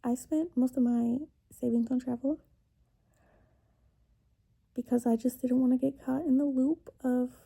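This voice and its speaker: A woman in her twenties venting confessionally to camera, halting and tearful, with long pauses and words trailing off. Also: sits high, steady tone, creaky, dark tone, husky. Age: 20s. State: emotionally upset, tearful. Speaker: vlogger. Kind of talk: confessional personal vent to camera.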